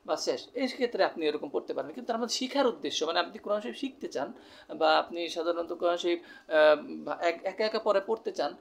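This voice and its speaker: In this spoken lesson on Quran recitation rules, a man from Bangladesh explains at length, repeats key terms, and fills pauses often. He talks a little fast in a high, expressive voice with vocal fry, over slight background noise.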